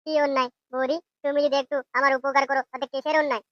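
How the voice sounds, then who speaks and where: Man doing a high, sly cartoon sidekick. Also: flat delivery, no room sound, muffled recording. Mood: wheedling. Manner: fast, wheedling. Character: sly young male friend, wheedling cartoon sidekick. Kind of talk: comic cartoon dub.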